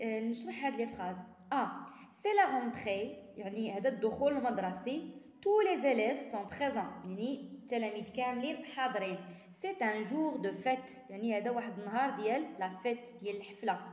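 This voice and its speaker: A Moroccan woman teaching a primary-school French lesson. She reads French slowly and explains it in Moroccan Arabic. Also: on the high side, a little mellow, reverberant, in a large hall, muffled recording. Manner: reads French sentences slowly, then explains them quickly in Darija.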